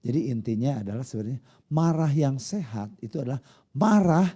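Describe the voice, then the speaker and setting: A pastor preaching a conversational sermon, often putting questions to the congregation. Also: male voice, medium pitch, lively intonation, a little fast, warm tone, slightly rough.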